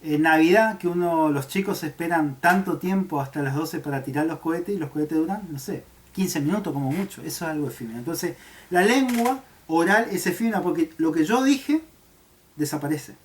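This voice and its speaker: A male teacher explains a lesson in a relaxed, conversational way. He keeps pausing to check that his students follow, and he gestures as he talks. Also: fairly high pitch. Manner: checks understanding with frequent "¿sí?", gestures while talking. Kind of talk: explanatory class video.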